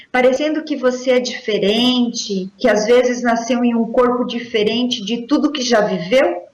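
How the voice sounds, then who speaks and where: Slow-reading woman, echoey room. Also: on the high side. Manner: slow, deliberate read-aloud delivery. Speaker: co-host. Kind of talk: reading commentary on a paranormal talk show. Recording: roomy echoey sound.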